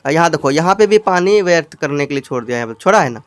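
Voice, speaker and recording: A man with a Hindi accent teaching English from a storybook, reading each English line very slowly and explaining it again, often asking his students questions. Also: on the high side, expressive, smooth, no echo. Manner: reads English lines very slowly, word by word.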